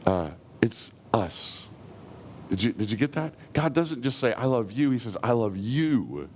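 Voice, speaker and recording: A man preaching a sermon, earnestly, slowing down and softening when he quotes God's words. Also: mid-range voice, animated, slight background noise. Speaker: pastor.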